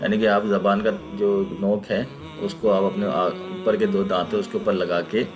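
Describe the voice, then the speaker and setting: A patient male teacher talks through a recorded online lesson in a fairly low voice, sounding out each letter slowly and repeating it aloud. Soft music plays faintly behind him. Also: level tone. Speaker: Quran recitation teacher.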